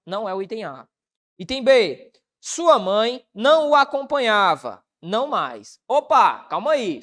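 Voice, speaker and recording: Lively Brazilian woman grammar teacher. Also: fairly high pitch. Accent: Brazilian Portuguese. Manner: asks and answers own rhetorical questions, colloquial. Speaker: exam-prep grammar teacher. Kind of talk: online exam-prep lesson.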